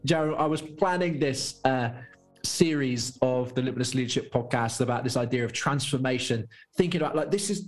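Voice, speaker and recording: A man hosting a leadership podcast, welcoming and questioning his guest in an effusive manner with many restarts. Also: mid-range voice. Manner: warm and effusive, with repeated restarts. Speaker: podcast host. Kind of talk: podcast interview.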